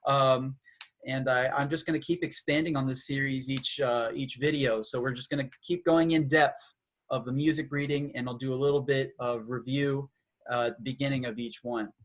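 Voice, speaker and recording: A man's voice: medium pitch, fairly even intonation, normal speed. A man giving a casual, slightly awkward music lesson who counts beats aloud as he explains. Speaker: music teacher.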